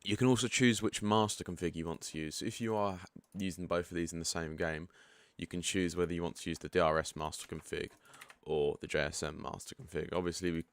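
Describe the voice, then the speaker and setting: A product developer who has just woken up gives a casual screen-share tutorial on setting up software. His deep voice is croaky, and he speaks briskly with few pauses, in a relaxed, chatty way full of frank asides. There is no echo.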